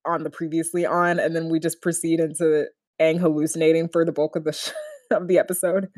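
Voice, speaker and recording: A young woman co-hosts a casual podcast, speaking in a slightly low voice and laughing often. She is playful and acts out lines as she chats. The recording is close and dry. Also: level tone, a little fast, a little mellow, no echo. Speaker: podcast co-host. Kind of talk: casual chat recapping a cartoon episode.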